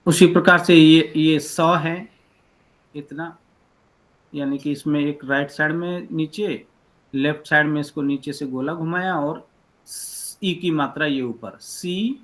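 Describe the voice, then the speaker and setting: A man's voice: on the high side, fairly even intonation, slow, fairly bright tone. A man teaching an online class over a video call, patiently explaining letter by letter. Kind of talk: online lecture.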